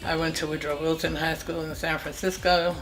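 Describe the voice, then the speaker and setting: A Californian woman in her sixties reminisces about her family life in an interview, reeling off dates and names one after another. Her low voice has a flat, brisk delivery, and the rough recording carries music in the background.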